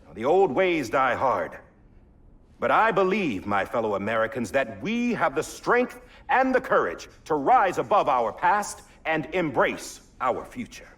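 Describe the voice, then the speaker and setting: For a video game cutscene, an actor voices a solemn middle-aged male president giving a measured, oratorical speech. His medium-pitched voice is sing-song and a bit bright.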